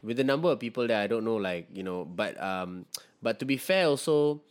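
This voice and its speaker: A Singaporean man chatting casually as a co-host, in an animated, slangy way peppered with "bro", "man" and "lah". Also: on the low side, brisk, smooth. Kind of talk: casual chat.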